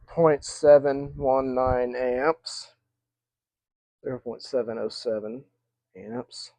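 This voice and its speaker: A man's voice: mid-range voice, takes it slowly, warm tone, no echo. A man hosting his own channel, casually demonstrating an old fan with rambling asides and restarts. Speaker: vintage fan collector channel host. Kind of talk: casual demo video narration.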